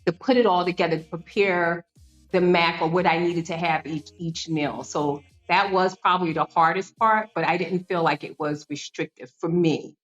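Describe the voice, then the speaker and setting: A woman's voice: on the low side, fairly even intonation, moderate pace, muffled recording, faint music behind. A woman in her fifties, a podcast guest, telling her story in an earnest, conversational way with frequent fillers and restarts. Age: 50s. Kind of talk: conversational interview.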